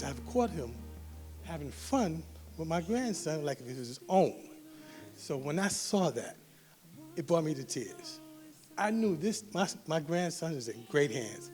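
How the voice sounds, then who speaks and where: Effusive father of the bride. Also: on the high side. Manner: effusive, emotional, joking. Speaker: father of the bride giving a toast. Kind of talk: wedding speech. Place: wedding reception hall. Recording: music in the background. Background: music playing.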